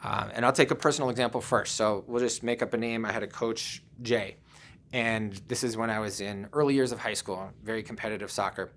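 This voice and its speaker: A man's voice: lowish voice, steady tone, a little fast, fairly bright tone, slight background noise. A man giving a virtual conference presentation, talking in a conversational way and telling personal stories, often with "um" and "you know.". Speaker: conference speaker.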